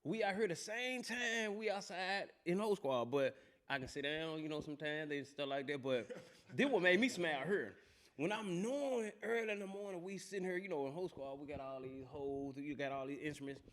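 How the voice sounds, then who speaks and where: A man hosting a casual talk show, telling stories loudly and with animation, in heavy Southern slang. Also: on the high side, moderate pace. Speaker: host.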